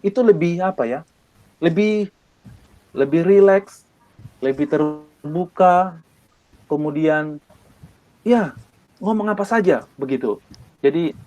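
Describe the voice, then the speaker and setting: A man from Indonesia, an evangelist, telling his personal testimony in an earnest way, with many pauses and repeated phrases. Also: a little high, a little mellow. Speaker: evangelist guest.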